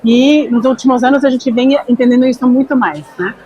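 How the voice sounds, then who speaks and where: A woman's voice: a little high, a little fast, dark tone, lo-fi sound. A woman from Argentina, a neuroscientist guest explaining things thoughtfully in a conversation. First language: Spanish. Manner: thoughtful, often checks in with "né".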